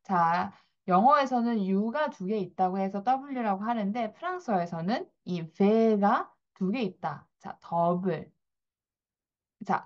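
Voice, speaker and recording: A woman's voice: mid-range voice, highs cut off. Patient Korean-speaking woman teaching pronunciation. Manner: patient, repeats words slowly for practice. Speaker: French teacher. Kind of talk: pronunciation lesson.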